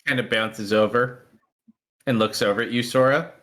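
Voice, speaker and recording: A man narrating and refereeing as game master of a tabletop game, describing the scene in a relaxed way. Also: mid-range voice, moderate pace.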